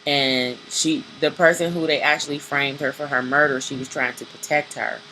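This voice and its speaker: A woman's voice: deep voice, steady tone, normal speed, pushed and bright, soft background music, rough recording. A woman giving a casual, rambling spoken review of a comic book, with many fillers and restarts.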